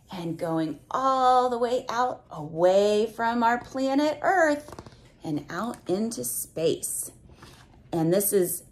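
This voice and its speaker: Reading a picture book to kids, this medium-pitched woman exclaims expressively and lets out audible gasps of wonder. Now and then she stops to give simple explanations and pose questions to her young audience.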